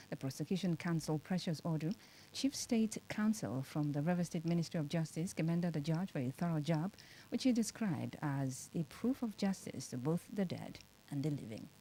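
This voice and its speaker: A woman with a Nigerian accent reading a scripted radio news bulletin in a formal, deliberate manner. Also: on the low side, mellow, slight background noise, low-quality recording. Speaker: radio newsreader.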